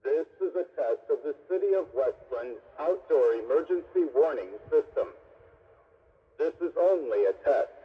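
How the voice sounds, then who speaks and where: Guy's slightly high voice on an outdoor warning loudspeaker, tinny and far off, flat formal delivery, street noise around. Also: normal speed, pauses often. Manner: flat, formal, evenly spaced phrasing. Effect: outdoor siren loudspeaker announcement. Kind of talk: recorded public warning message.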